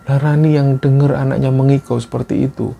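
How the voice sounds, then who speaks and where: A man telling a horror story in casual spoken style, with a relaxed, conversational delivery full of fillers. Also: medium pitch, brisk, creaky, lo-fi sound, slight background noise.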